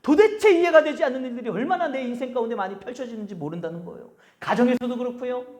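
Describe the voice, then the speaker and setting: A male pastor delivers a Sunday sermon in a notably high voice. His pitch swings widely as he drives home point after point. He keeps firing rhetorical questions at the congregation and stretches out the words he wants to land. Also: darkish tone. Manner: slows and stresses key phrases. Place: church service.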